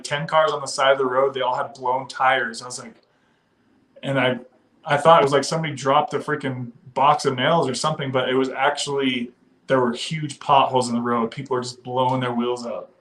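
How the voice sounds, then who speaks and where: A livestream host from the western United States chats loosely, laughs often and reads viewer comments aloud. His mid-range, slightly bright voice is brisk with a flat delivery, and the recording is low quality.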